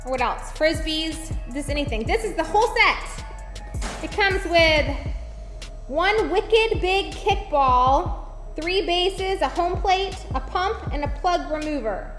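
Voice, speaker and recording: Woman, children's host, high pitch, casual prize presentation, reverberant hall sound, faint music. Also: animated, slow, a bit bright. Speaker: children's church host, toy reviewer.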